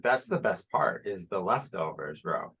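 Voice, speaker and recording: Young male co-host, low voice, tired, loose and swearing, laughs easily. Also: lively intonation, unhurried, fairly bright tone, husky. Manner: loose and profane, laughing and yawning. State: sleepy. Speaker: podcast co-host. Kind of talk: casual chat.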